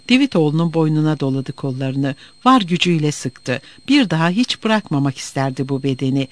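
A man reading a novel aloud as narrator, in an expressive, dramatic way. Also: a little high, no room sound.

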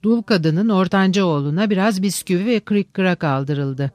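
An audiobook narrator reading a literary novel in a measured, wry manner. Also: medium pitch, darkish tone, no echo.

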